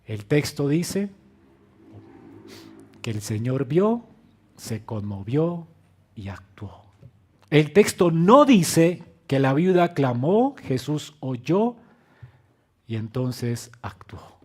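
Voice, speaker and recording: Dramatic preaching man, soft to booming. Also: sing-song, very slow, pauses often, slightly rough. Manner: preaching with dramatic swings between soft low phrases and loud high emphatic bursts; acts out quoted lines with direct questions to the congregation. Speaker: pastor. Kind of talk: sermon.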